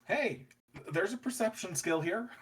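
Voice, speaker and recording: A man's voice: high voice, lively intonation, a little slow, a bit bright, breathy edge, low-quality recording. A man narrating as game master of a tabletop role-playing game, describing scenes in a cinematic way.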